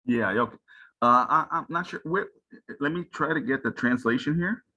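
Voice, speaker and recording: A man from Brazil coordinating an online session, chatting quickly over a video call and repeating himself. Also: medium pitch, pushed and bright. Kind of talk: casual video-call chat.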